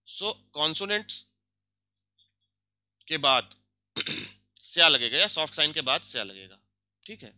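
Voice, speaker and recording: Bright-voiced young man teaching grammar. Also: on the high side, dry recording. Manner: explains step by step, often checks with "theek hai"; slow careful drilling of example words. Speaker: language teacher. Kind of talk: grammar lesson.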